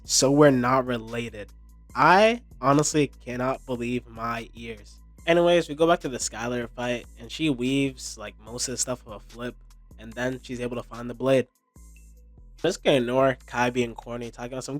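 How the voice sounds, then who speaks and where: A man's voice: mid-range voice, dry recording. Young man's slangy recap, dry close sound. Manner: sarcastic, slangy, informal. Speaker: video commentator. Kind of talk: casual recap commentary.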